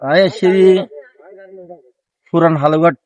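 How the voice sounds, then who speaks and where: A man's voice: on the high side, steady tone, takes it slowly. A man with a Chittagong Bengali accent chatting casually in a street interview.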